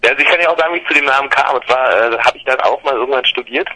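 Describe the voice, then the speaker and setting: A man in his thirties from Berlin, talking on the phone and pausing often with fillers as he searches for words. His voice has a bright, husky edge. The phone line gives it a thin, narrow sound. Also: mid-range voice. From Berlin, Germany. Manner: hesitant, many fillers and restarts. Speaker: singer-songwriter guest. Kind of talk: casual phone interview. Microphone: telephone line. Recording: phone line into radio studio.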